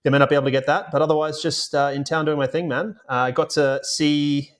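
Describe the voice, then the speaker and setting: A man's voice: on the high side, fairly even intonation, fast. A man co-hosting and producing a podcast, chatting casually and telling rambling stories with many fillers. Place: remote, recording away from home.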